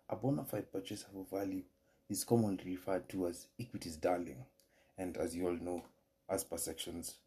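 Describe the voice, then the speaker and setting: A Kenyan man hosting a solo podcast, explaining legal doctrine in a measured, formal lecturing way. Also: low voice, mellow. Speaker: lawyer and podcast host.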